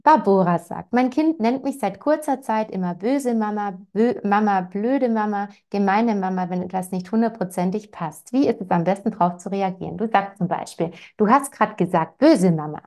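A woman's voice: mid-range voice, moderate pace, hardly any pauses, mellow. A woman working as a parenting coach, answering parents' questions in a direct, reassuring way and speaking to them by name.

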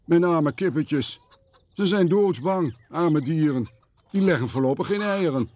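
A kindly cartoon farmer who frets over his animals, voiced by a male narrator. He speaks slowly, in a raised and worried voice. It is a soft storybook character. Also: fairly high pitch, lively intonation, no room sound, pitched above the performer's own voice.

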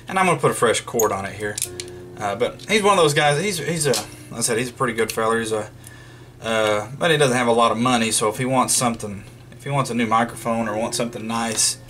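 Indoors at a wooden workbench, a man vlogs his radio repair with casual, unscripted narration, thinking aloud in a folksy way as he works hands-on. His voice is mid-range and a bit bright.

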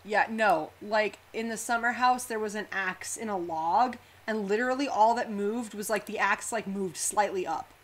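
Chatty woman gaming with friends. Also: mid-range voice. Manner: chatty, quick bursts with frequent restarts. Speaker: host playing a video game with friends. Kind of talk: casual gameplay chat.

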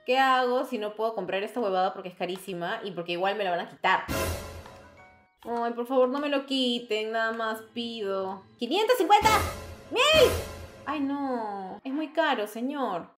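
A woman's voice: fairly high pitch, lively intonation, normal speed. A young woman gamer giving let's play commentary, shrieking and laughing as she reacts to the game. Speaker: gaming YouTuber. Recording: echoey room, faint game music. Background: game music.

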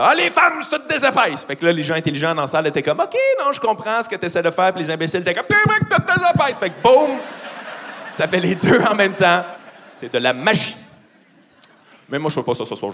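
Fast, brash Québécois comedian. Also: male voice, on the high side. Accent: Québécois French. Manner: brash, profane, teasing the audience. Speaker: stand-up comedian. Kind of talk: stand-up comedy routine. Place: large theatre stage before a live audience.

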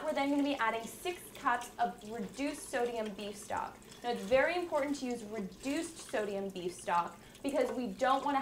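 Upbeat lady cooking show host, kinda high voice, echoey kitchen, bit of hiss. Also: fairly bright tone. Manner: upbeat, instructional. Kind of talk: scripted cooking demonstration. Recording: echoey room, faint background noise.

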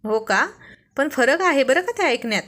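A woman's voice: high-pitched, expressive, moderate pace, fairly bright tone. A woman voicing a young wife who scolds her husband with exasperated affection in a read-aloud story. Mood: scolding.

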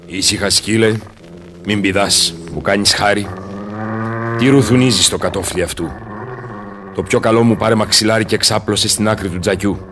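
A man's voice: on the low side, pauses often, fairly bright tone, slight background noise, close to an everyday voice. A man playing Faust, a learned, solemn old scholar, declaiming and musing aloud in verse in a Greek radio drama. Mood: gently chiding.

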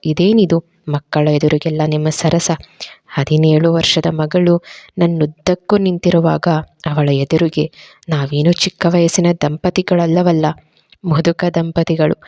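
A woman voicing a patient, soft-spoken aging mother in a storybook reading, with a low, mellow voice. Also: fairly even intonation, measured pace, no echo. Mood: scolding.

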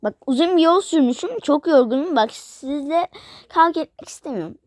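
A woman's voice: high voice, lively intonation, brisk, darkish tone, no echo, clean studio sound. A woman voicing a tired, impatient businessman hotel guest in a playful toy role-play, repeating himself insistently. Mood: exasperated.

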